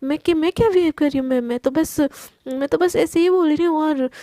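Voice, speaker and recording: Lady playing a flustered young girl, stammers and snaps back, high voice, dry sound. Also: steady tone, normal speed, mellow, no room sound, natural voice. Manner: defensive, stammering, snapping back. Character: flustered young woman hiding her feelings.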